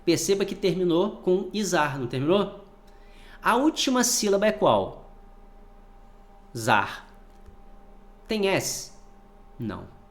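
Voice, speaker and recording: A man's voice: sits high, slow pace, pauses often. A man teaching a spelling lesson for exam prep, asking questions and then answering them himself. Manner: lively, asks and answers his own questions.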